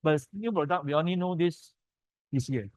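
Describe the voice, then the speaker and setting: A man with a Malaysian accent lectures in an informal, colloquial way. His voice sits a little high and is recorded fairly dry. He talks in short, punchy phrases capped with particles. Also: brisk, no echo. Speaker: lecturer presenting to architects.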